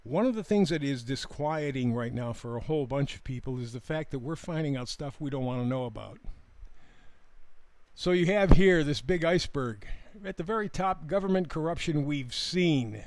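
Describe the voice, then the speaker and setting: Animated man with sharp mocking asides. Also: mid-range voice, no room sound. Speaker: astrology commentator and show host. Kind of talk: casual solo commentary.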